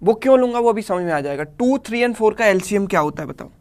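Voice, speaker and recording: A man's voice: high voice, lively intonation, quick pace. Man, Indian English accent, live online math teacher, step-by-step explainer who keeps checking in.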